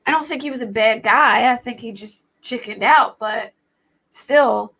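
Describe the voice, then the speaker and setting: Commenting on true crime cases during a laid-back livestream chat, an American woman thinks out loud in a rambling, informal way. Today her voice is scratchy, with vocal fry, a fairly high pitch, a fairly bright tone and a measured pace.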